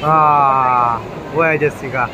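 Slow-talking man in a noisy crowd. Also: mid-range voice, steady tone. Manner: hurrying others along. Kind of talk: casual family chatter. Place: crowded indoor shopping mall. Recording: busy mall crowd noise behind. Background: crowd chatter.

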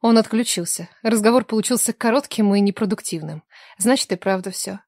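A woman with a medium-pitched voice narrates a romance audiobook from a script, telling the story in a measured, even way. The recording is dry, with clean studio sound.

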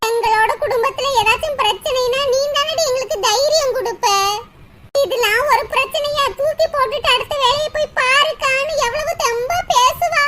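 A woman's voice: extremely high pitch, normal speed. A woman voicing a bossy but kind-hearted village woman in a cartoon, scolding and comforting with laughs. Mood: consoling. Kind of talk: cartoon voice acting. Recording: loud background noise.

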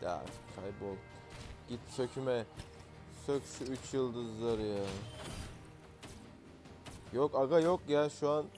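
A man talks through a mobile game in casual, unscripted commentary. He grumbles and complains in slangy everyday speech at an average pitch for a man. Faint game music sits under his voice. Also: takes it slowly, pauses often. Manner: exasperated, grumbling, slangy chatter. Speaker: gaming channel host.

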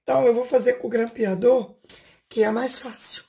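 Fairly high-pitched, creaky and mellow, the woman speaks at normal speed with a steady tone. As a craft channel host in a home room, she casually demonstrates a home craft step by step, working with her hands, chatting, and putting questions to the viewer.

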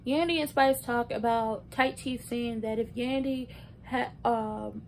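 In a small indoor bedroom, a woman in her early twenties delivers a casual recap like a video blogger, chatty, opinionated and emphatic. Her voice is a little mellow, with fairly even intonation and a measured pace. The room is noisy, with a low rumble underneath.

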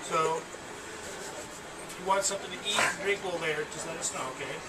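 A woman's voice: lowish voice, fairly even intonation, normal speed. A woman nurse chatting casually with a patient in a hospital room. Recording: very noisy, distant phone video.

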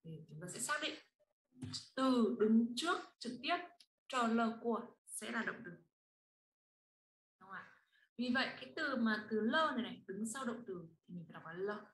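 A woman's voice: fairly high pitch, animated, unhurried, long pauses, fairly bright tone. A woman teaching a language class, patiently explaining grammar and calling on students. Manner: explains patiently, asks students to read and answer. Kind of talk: online class instruction. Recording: roomy echo, faint noise.

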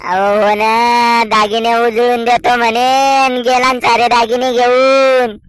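Shrill wailing village woman. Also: level tone, takes it slowly, clear, resonant tone, dry recording. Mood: lamenting. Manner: loud crying lament, shrill. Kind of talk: cartoon voice acting.

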